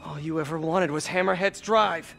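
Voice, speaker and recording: A man's voice: on the high side, normal speed, gravelly, fairly bright tone, faint music behind. A man playing an earnest, quippy young superhero in a video game, speaking expressively. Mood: betrayed, urgent. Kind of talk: cinematic game voice acting.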